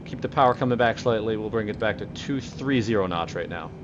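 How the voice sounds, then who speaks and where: Quick man on a pilot headset mic. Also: fairly low pitch, dull audio, noisy background. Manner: brisk, dry and joking, swears casually. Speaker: flight simulator streamer playing airline pilot. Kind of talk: cockpit radio calls and casual narration.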